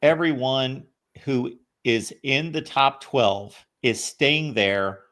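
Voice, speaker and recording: A man's voice: medium pitch, takes it slowly, a bit bright. A man hosting a sports call-in show, giving conversational analysis in a matter-of-fact way, explaining step by step. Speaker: host of a college football call-in show.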